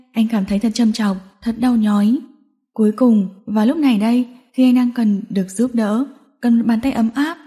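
A woman narrating a romance novel audiobook in a steady storytelling manner. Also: a little high.

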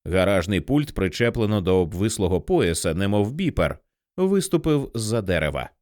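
A man narrating an audiobook in a lively, dramatic storytelling manner. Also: lowish voice, moderate pace, no echo, studio quality.

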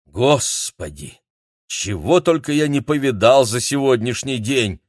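A man voicing a mournful, fretful old hotel owner who laments and scolds in a low, slow voice. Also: lively intonation, no room sound, clean studio sound, heavily acted. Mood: aggrieved. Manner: lamenting, exasperated.

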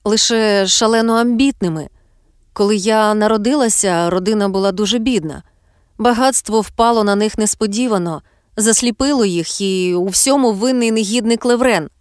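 A woman's voice: medium pitch, normal speed, clear, resonant tone, no room sound, clean studio sound, lightly acted. A woman playing Ida, a nineteen-year-old student pleading tearfully before a tribunal, in an audiobook.

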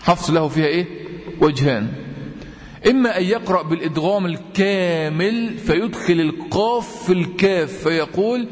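A man's voice: high-pitched, expressive. Egyptian man teaching tajweed, reverberant. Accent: Egyptian Arabic. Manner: quizzing students with repeated questions; chants verse examples slowly. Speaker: Quran recitation teacher. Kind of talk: tajweed lesson. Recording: long reverb.

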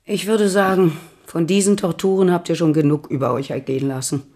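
A woman playing a woman disguised as a young male physician, calm and persuasive, in a radio play. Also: on the low side, fairly quick, natural voice. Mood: measured.

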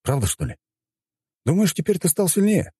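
A man's voice: a little high, big pitch swings, moderate pace, mellow, slightly rough, no echo, pitched above the performer's own voice, exaggerated voice. A smug young healer mage, played by a man, mocks his foes in a raised, playful voice. He sounds mock-polite and carefree, recorded close and dry. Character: cocky young male healer mage, mocking.

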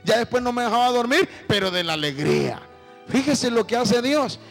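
High-pitched middle-aged preacher guy, gravelly, tells stories, keeps saying amen brothers. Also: expressive, normal speed, fairly bright tone, faint music behind, low-quality recording. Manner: storytelling, addresses the congregation as brothers. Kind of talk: sermon.

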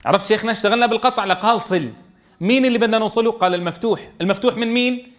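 A man's voice: high-pitched, very fast, a bit bright. A man leading a classroom tajweed lesson for Quran teachers, explaining step by step and checking in with his students.

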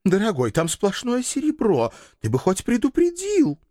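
A man's voice: high-pitched, huge pitch swings, moderate pace, mellow, no echo, clean studio sound, voice pushed up. A man reading an audiobook, voicing an affectionate, pampered young demoness wife who purrs sweetly and turns petulant.

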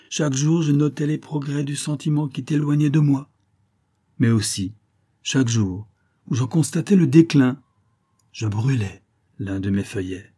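A man reading the lines of a tender young wife who is gently reproachful, in a soft, pleading way. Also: a little high, breathy edge, voice pushed up.

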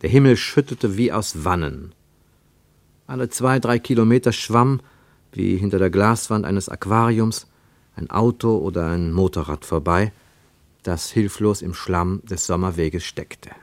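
For a radio play, a male narrator with a lowish voice reads literary prose, using lively intonation and dramatic, deliberate phrasing. The studio recording is very dry, with no echo.

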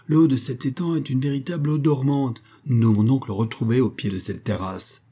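A man voicing a furious veiled woman who leads a gang, barking orders in a raised, higher voice. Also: fairly even intonation, a little fast, husky, natural voice. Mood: impatient. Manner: commanding, shouting orders.

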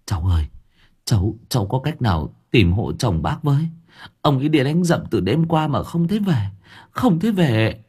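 A man's voice: medium pitch, big pitch swings, moderate pace, a little mellow, slightly rough, voice pushed up. A man voicing a worried older village woman who pleads for help and repeats herself. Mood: pleading.

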